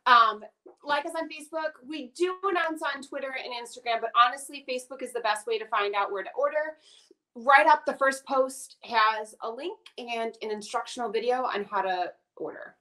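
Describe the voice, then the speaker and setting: A woman guest talking about her small business in a casual interview chat, playful and quick to laugh. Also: fairly high pitch. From Indiana, US. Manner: lively, playful, laughs easily.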